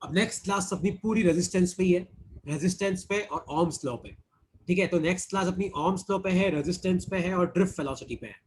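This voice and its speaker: A man's voice: high-pitched, a little fast. A man teaching physics in an online class, explaining step by step, repeating key points and teasing his students.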